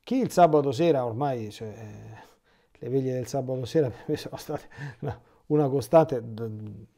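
An Italian man, a priest, giving a catechesis talk. He reads from a text and keeps breaking off into lively spontaneous asides. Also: medium pitch, moderate pace, creaky.

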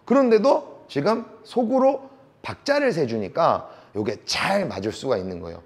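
Lively, teasing male table tennis coach. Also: fairly high pitch, normal speed. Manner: encouraging, repeats short praise, counts rhythm aloud, teasing. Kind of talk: on-court lesson, coaching a student.

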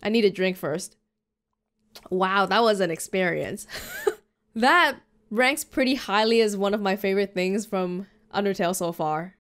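A woman's voice: medium pitch, animated, a little slow, a bit bright. A young woman giving chatty, giggly commentary while playing a video game. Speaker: let's play host. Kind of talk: casual gameplay commentary.

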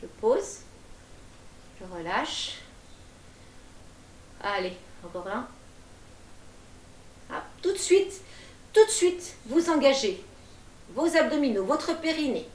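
A middle-aged woman with a high voice gives calm, encouraging, folksy cues for a gentle seated workout. She sits well back from the camera, and her voice rings through an echoey room. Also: slow pace, pauses often, recorded from a distance. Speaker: gentle gym instructor. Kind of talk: guiding a seated exercise class. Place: attic room at home, indoors. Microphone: far camera.

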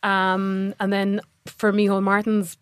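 A woman's voice: medium pitch, monotone, takes it slowly, no echo. An Irish woman, a political reporter, giving reflective analysis on a news podcast. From Ireland. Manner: reflective, recalls past events.

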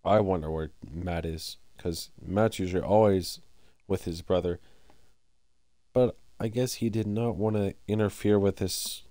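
With a deep voice and an unhurried pace, a stuffy-nosed young man gives excitable play-by-play for a wrestling video game, breaking into loud exclamations. The home desk-mic recording has no echo.

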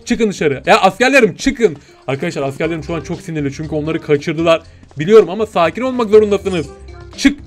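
A man hosting a game parody video in character as a commander, bossy and excitable, barking orders and chatting in slang. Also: a little high, fast talker, faint music behind. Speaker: gaming video host.

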